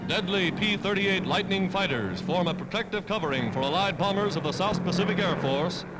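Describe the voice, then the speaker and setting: A man narrating an old 1940s wartime newsreel in a brisk, dramatic announcer manner. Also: sits high, loud music behind the voice, rough recording.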